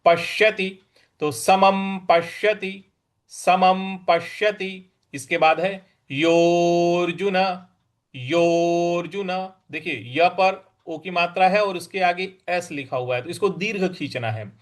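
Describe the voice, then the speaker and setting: A man teaching scripture recitation, chanting verses slowly and drawn out, then explaining pronunciation in quick asides. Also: high-pitched. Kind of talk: recitation lesson.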